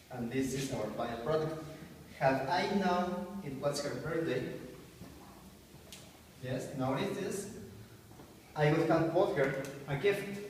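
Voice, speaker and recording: Slow, halting man in an echoey room. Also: on the high side, far from the mic, slight background noise. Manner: slow, halting, many restarts. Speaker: student presenter. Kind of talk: explaining grammar to a class. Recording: echoey room recorded from afar.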